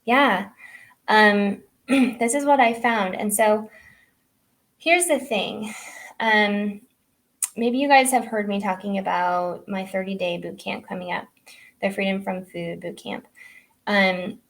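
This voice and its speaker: A woman's voice: mid-range voice, takes it slowly, vocal fry, pauses often, fairly bright tone. Woman coach chatting on a live stream, lots of um and right?, loose and casual. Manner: casual, with many fillers and "right?" tags. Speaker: health coach. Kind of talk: live online training talk.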